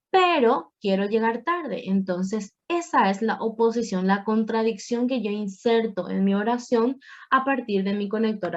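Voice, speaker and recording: A woman's voice: medium pitch, a little mellow, highs cut off. A woman teaching a Spanish grammar class online, explaining patiently with playful asides to her students.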